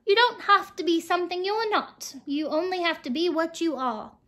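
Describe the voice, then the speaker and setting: A woman's voice: very high-pitched, moderate pace, fairly bright tone. A woman voicing a kindly, gracious elderly queen while reading a storybook aloud to children. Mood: tender.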